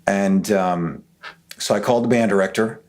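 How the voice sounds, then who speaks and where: A middle-aged male guitar teacher telling a casual story on his vlog in an animated way, acting out the voices of the people he quotes. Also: lowish voice, normal speed.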